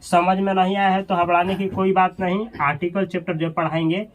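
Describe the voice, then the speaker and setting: A man's voice: high voice, flat delivery, fairly quick, slight background noise. A man teaching an English grammar lesson, asking questions and repeating the class's answers.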